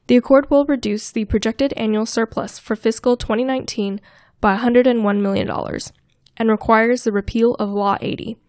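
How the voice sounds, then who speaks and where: A woman co-hosting a podcast, reading scripted financial news in a crisp, clear way. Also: on the high side, steady tone, brisk, a little mellow, no echo, clean studio sound. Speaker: co-host and news reader.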